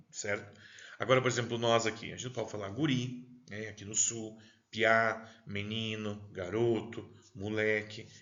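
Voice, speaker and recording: A man with a lowish, gravelly, slightly bright voice, captured on a muffled recording. He's a teacher from Paraná in southern Brazil delivering a recorded class lecture, chatty and prone to digressions, forever checking in with whoever's listening.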